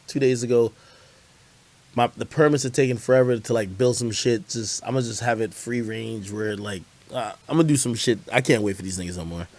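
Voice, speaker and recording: A man with a mid-range, darkish voice is heard on a dry recording as he livestreams hip-hop commentary. Answering viewer questions in casual chat, he uses loose, profane slang and often repeats phrases.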